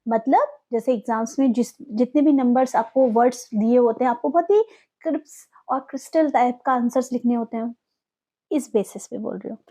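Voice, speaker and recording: A woman's voice: on the high side, normal speed, dark tone. An Indian woman teaching English vocabulary, asking questions and answering them herself as she mixes English words into her explanations.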